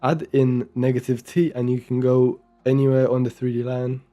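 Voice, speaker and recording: Talking through a live-coding session, a young man from Romania reads code under his breath as he types and chats between lines. His mellow, relaxed voice sits at a middle pitch and moderate pace. The sound is lo-fi, with faint music behind him.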